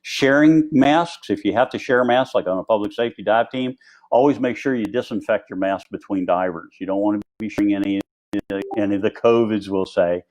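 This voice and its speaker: A man with a fairly low voice presents a piece of equipment as an instructor. He explains it conversationally and informally, wandering from point to point as he would on a live video tutorial. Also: fairly quick, darkish tone. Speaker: instructor presenting diving gear.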